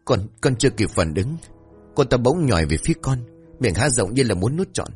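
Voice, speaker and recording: A man's voice: medium pitch, big pitch swings, moderate pace, a little mellow, husky, faint music behind, voice pushed up. A man voicing a terrified young son, injured and haunted, telling his parents what he saw in a trembling, pleading voice.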